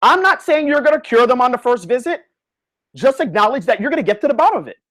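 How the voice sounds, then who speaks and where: A man who is a physical therapist, giving a live online lecture in a slangy, animated way, talking straight to his listeners. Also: very high voice, quick pace. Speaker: physical therapist coaching students.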